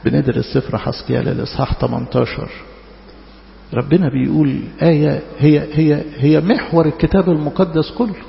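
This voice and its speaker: A man's voice: on the high side, fairly even intonation, a little fast, vocal fry, slight background noise. A man with an Egyptian Arabic accent preaches in a colloquial, conversational way, asking rhetorical questions and repeating words for emphasis. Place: large reverberant hall. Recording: muffled, echoey hall with long reverb.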